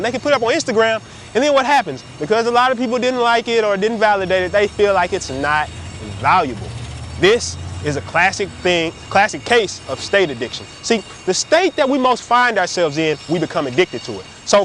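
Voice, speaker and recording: Fast, animated motivational man. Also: a little hiss or hum. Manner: animated, emphatic, swings between high and low. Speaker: motivational speaker. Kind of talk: motivational talk to camera.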